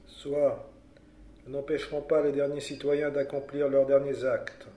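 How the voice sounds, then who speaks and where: A man's voice: medium pitch, little pitch movement, a little slow, warm tone, natural voice. A man playing a world-weary oracle in an audio drama, speaking cryptic pronouncements in a solemn, prophetic manner. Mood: solemn, fatalistic. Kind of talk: French audio drama acting. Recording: echoey room, faint background noise.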